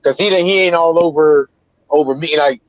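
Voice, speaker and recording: A man's voice: on the high side, moderate pace, no room sound, dull audio. Laid-back man with a dry sound. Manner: laid-back slang, frequent agreement. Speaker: podcast co-host. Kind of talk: casual podcast discussion. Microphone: remote call.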